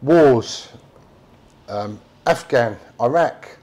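A man in his forties hosts a relaxed sit-down interview. His voice is dark and mellow, and he keeps his questions short and easygoing. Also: mid-range voice, drawn-out words. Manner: easygoing, brief prompts and nods. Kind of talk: casual interview. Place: indoor studio with mural wall. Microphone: lapel.

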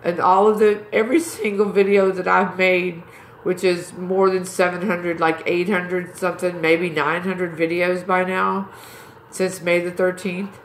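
A woman hosting a devotional video, talking in a fervent, rambling, emphatic way with a groggy morning voice, from a dark room at home. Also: lowish voice, level tone, unhurried, echoey room, slight background noise, poor audio. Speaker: Bible-reading video host. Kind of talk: casual devotional chat.

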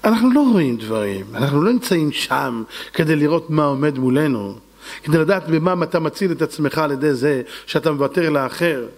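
Dramatic preaching man, fairly high voice. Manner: acts out dialogue in a lively, dramatic voice; addresses the audience directly. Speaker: rabbi. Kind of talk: storytelling sermon.

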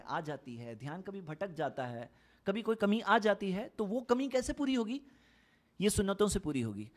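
A man from India giving an earnest, explanatory religious talk in a conversational way, repeating points for emphasis. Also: high voice. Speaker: Islamic speaker. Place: Saudi Arabia.

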